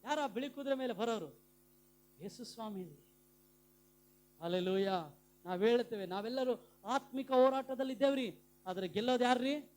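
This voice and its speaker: Man, pastor, very high-pitched voice, call-and-response sermon, hushed to loud. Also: moderate pace, long pauses.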